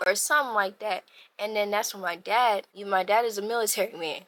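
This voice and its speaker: A young woman tells a personal story for her vlog, animated and full of slang. Her voice is bright and forceful. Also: medium pitch. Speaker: vlogger.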